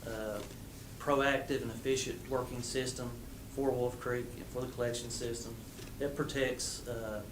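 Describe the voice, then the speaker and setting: A plain-spoken man from southwest Virginia talking haltingly and informally as a utility contractor at a meeting. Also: mid-range voice, little pitch movement. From southwest Virginia area. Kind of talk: informal self-introduction and answers at a meeting. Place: indoor council meeting room. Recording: echoey room with clear background noise.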